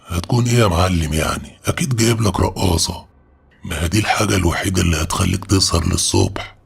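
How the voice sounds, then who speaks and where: A man's voice: sits low, fast, creaky, husky, full character voice. A man voicing a sarcastic young joker. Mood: mocking. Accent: Egyptian Arabic. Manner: mocking, sarcastic.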